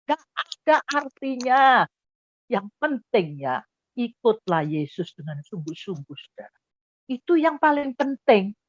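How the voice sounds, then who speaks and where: A woman's voice: mid-range voice, big pitch swings, measured pace, a little mellow, slightly rough, dry recording. A woman, giving an emotive testimony to a congregation and addressing listeners directly. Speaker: testimony speaker. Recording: dull dry lo-fi recording.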